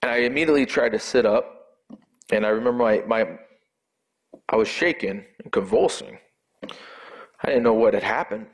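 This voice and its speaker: Earnest man sharing a faith testimony. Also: fairly low pitch. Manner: earnest and emotional, halting with repeated words. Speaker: person giving a testimony.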